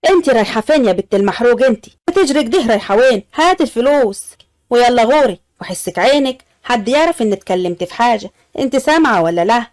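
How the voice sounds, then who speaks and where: A woman's voice: fairly high pitch, expressive, fast, lightly acted. A woman voicing a scheming, domineering lady of the house who speaks in a commanding, threatening way. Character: sharp-tongued scheming woman, bossy toward servants.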